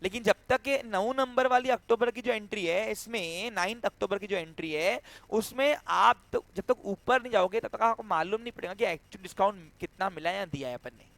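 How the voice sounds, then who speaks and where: A man with a high-pitched voice teaches commerce students, walking through accounting entries one step at a time. He keeps checking that the class understands and acts out small scenes with a student. The sound is dry, with little room echo. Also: a little fast, gravelly, few pauses, fairly bright tone. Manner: acts out a cash handover with a student. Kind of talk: classroom lecture.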